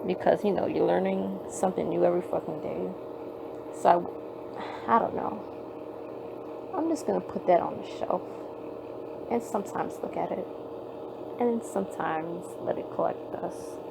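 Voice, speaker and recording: Against heavy background noise, a woman hosts a podcast captured on her phone microphone. Her lowish, creaky voice has fairly even intonation and a normal pace, and she pauses often while rambling casually with many fillers and swear words.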